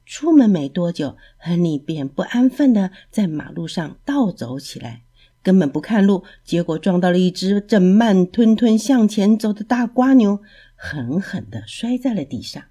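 A woman narrating a children's story in a lively, expressive way. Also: medium pitch, moderate pace, breathy edge.

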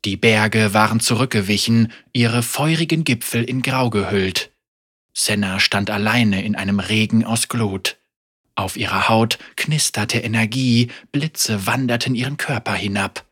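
A man narrating a dark fantasy story in a measured, dramatic way. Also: on the low side, slightly rough. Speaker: audiobook narrator.

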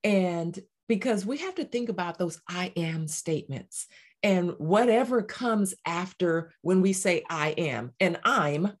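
A woman life coach speaking as a podcast guest, earnest and emphatic. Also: fairly low pitch. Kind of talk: casual conversational chat.

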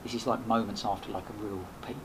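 A man's voice: lowish voice, fairly even intonation, fast. A man, a podcast host appearing as a guest, telling a rambling casual story full of restarts and swearing. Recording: noisy background hiss.

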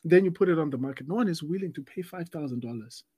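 A man's voice: on the high side, lively intonation, fast, mellow, breathy edge, no room sound, studio quality. A man co-hosting a casual podcast, explaining dating advice with business analogies, often restarting words.

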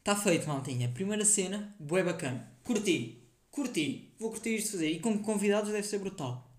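Young male host, European Portuguese accent, high-ish voice, rambling slangy chat, echoey room. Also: expressive, moderate pace. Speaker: podcast host. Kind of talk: casual solo podcast chat.

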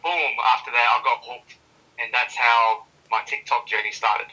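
A man talking casually as an interview guest, relaxed and rambling, with lots of fillers and restarts. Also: medium pitch, normal speed, breathy edge, far from the mic, low-quality recording. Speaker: interview guest, social media creator.

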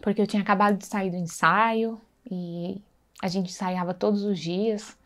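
Woman, earnest, conversational, faith testimony, mid-range pitch. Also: fairly even intonation, normal speed. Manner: earnest, conversational, acts out dialogue, frequent tag questions. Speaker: speaker sharing a faith testimony. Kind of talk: personal testimony storytelling.

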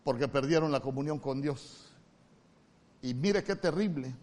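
A male pastor with a Honduran accent preaching a sermon, moving from loud emphatic calls to soft, hushed lines. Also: medium pitch, a little slow. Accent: Honduran Spanish.

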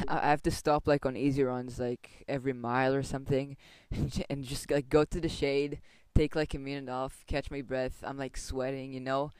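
A young man co-hosting a casual podcast, giving relaxed, reassuring advice with lots of fillers. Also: medium pitch, normal speed, hardly any pauses, clear, resonant tone, no echo. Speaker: podcast co-host. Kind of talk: casual chat.

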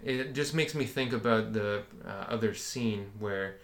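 A man with a somewhat low voice chats on a podcast, agreeing easily and asking his co-host questions. His voice carries a roomy echo, as if the room is bare. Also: unhurried, fairly bright tone. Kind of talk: casual discussion. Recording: echoey room.

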